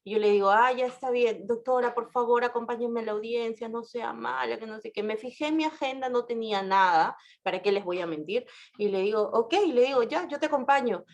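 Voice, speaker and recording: A woman's voice: brisk, dull audio. A woman lawyer giving a casual talk full of anecdotes. She often ends her sentences with a tag question and shifts her voice when she quotes people. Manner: storytelling with frequent tag questions; animated, shifts pitch for quoted speech.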